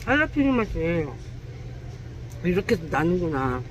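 High-voiced man talking while chewing. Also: big pitch swings, unhurried, dull audio, slight background noise. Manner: grumbling, blunt opinions. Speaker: mukbang vlogger. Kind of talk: casual food review.

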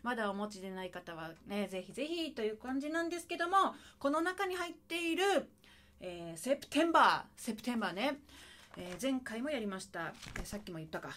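Lively, animated woman teaching saxophone. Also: fairly high pitch, fairly quick. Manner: lively, chatty, sings and scats phrases to demonstrate. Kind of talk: video music lesson.

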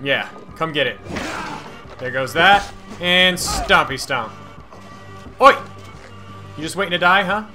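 A man giving casual gameplay commentary as a streamer, excitable and cursing at enemies while game music plays. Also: fairly high pitch, takes it slowly, long pauses. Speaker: gaming streamer. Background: game audio and music.

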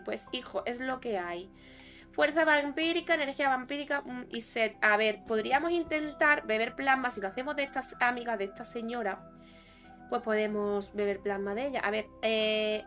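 High, bright-voiced woman gamer. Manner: chatty, jokey, talks to viewers and game characters. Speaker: gaming YouTuber. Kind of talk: casual Let's Play commentary.

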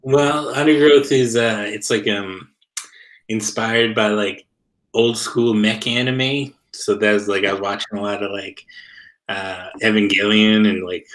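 A man appears as an interview guest on a video call, a comic creator chatting casually in a loose, slangy style sprinkled with "like." His voice sits on the low side with a fairly bright tone, fairly even intonation, and an unhurried pace.

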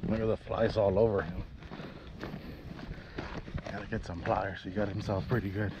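A young man with a fairly low voice talks casually while fishing on a canal bank. He is recorded on a head-mounted action camera outdoors. Steady outdoor noise runs under his voice. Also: moderate pace, dull audio. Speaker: fishing vlogger.

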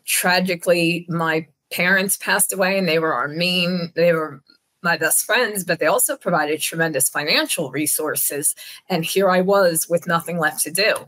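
A woman's voice: fairly low pitch, moderate pace, fairly bright tone. A middle-aged woman with a New Jersey accent, candidly telling her own recovery story over a video call. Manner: earnest, reflective, candid. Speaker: keynote speaker, counselor in recovery. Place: home room, indoors.

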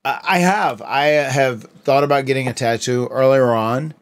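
Relaxed man chatting on a stream. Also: medium pitch, unhurried. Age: middle-aged. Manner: relaxed, rambling with fillers and restarts. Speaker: retired pro wrestler, co-host. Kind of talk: casual livestream chat.

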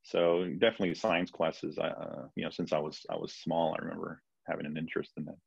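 This physician guest, a man in his thirties from Peru who grew up in Florida, answers interview questions hesitantly over a video call from a room at home, full of fillers and restarts. His deep, husky voice barely moves in pitch, moves fairly quickly and carries vocal fry. The audio is dry, dull and lo-fi.

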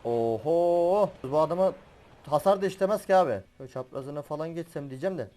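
A young man giving excitable commentary while he plays a battle royale game as a gaming YouTuber, swearing and laughing as he goes. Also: on the high side, fast talker, noisy background. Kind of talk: live gameplay commentary.

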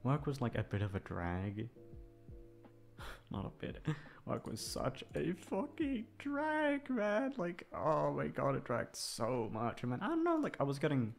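An ASMR voice actor and channel host chats casually with his listeners, sitting a little back from the microphone while soft guitar music plays. His mid-range voice is sing-song and unhurried with vocal fry, and his talk is hesitant, rambling, self-deprecating and freely profane.

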